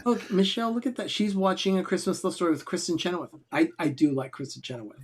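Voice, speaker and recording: A man's voice: high voice, expressive, fast, husky. Man earnestly explaining a movie plot. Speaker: co-host. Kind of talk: casual watch-party commentary.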